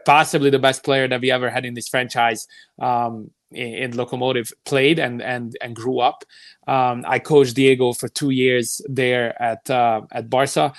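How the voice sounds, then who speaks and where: Here the same kind of speaker, a thirties-aged youth soccer director from Hungary with a Hungarian accent, is in a live interview conversation. His medium-pitched voice is flat and moves at a normal speed, recorded dry. Thoughtful and long-winded, he often uses fillers and starts sentences over.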